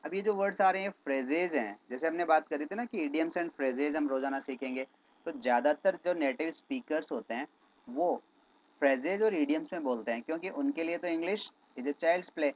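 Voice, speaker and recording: A man teaching spoken English in Hindi, explaining phrases and slowly repeating example sentences. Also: fairly high pitch, dull audio.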